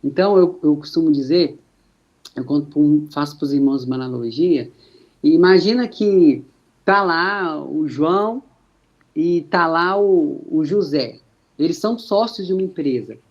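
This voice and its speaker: A man preaching a sermon, slow and emphatic with many rhetorical questions. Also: on the high side, muffled recording.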